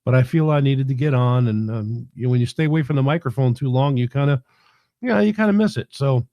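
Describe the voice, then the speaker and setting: Broadcasting live from his Southern home, this New York man rambles in a folksy way, leaning heavily on fillers as he chats casually with his stream. His voice is mellow and medium in pitch, carrying the last traces of a head cold, and the recording has no echo.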